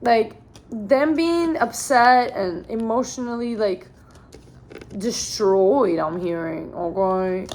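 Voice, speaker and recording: A woman's voice: mid-range voice, slight background noise. A young woman doing a channeled tarot reading in a casual, blunt way, full of "like" fillers and swearing. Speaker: tarot reader.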